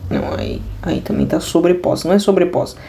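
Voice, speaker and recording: Brief: Brazilian woman math teacher, slangy and joking, mellow warm tone, lots of quick restarts and asides. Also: fairly low pitch, huge pitch swings, gravelly, a little hiss or hum. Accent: Brazilian Portuguese. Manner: slangy, joking, talks straight to viewers; restless, many restarts and asides. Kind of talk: casual video math lesson. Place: at a desk indoors.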